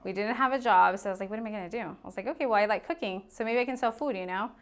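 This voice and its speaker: A thirtysomething woman from Arizona, USA, races through her words in a clean, medium-pitched voice. She works as a real estate agent and comes across as open, chatty and easy to laugh as a guest on a casual podcast.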